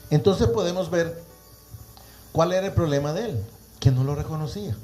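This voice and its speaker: A man preaching a sermon, reading scripture aloud and often clearing his throat. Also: on the high side, normal speed, darkish tone, faint music behind.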